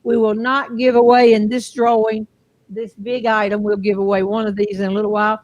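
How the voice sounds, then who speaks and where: A woman's voice: mid-range voice, level tone, brisk, a little mellow, highs cut off. An older woman with a Southern US accent hosting a show, chatting casually and amused by herself. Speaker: host. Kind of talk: casual chat.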